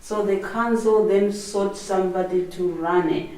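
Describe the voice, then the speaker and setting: A woman from Zimbabwe explains things in a measured, steady way in an interview. Her voice is warm and dark. She sounds distant in a very echoey room. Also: mid-range voice. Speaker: cooperative resident. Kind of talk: interview, recounting. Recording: echoey room from far off, faint noise.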